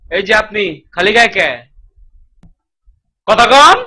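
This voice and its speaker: An actor playing a bossy, pompous rich young master of the house, who fires off questions in a Bangladeshi Bengali accent. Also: male voice, high-pitched, fast, sharp tone, exaggerated voice.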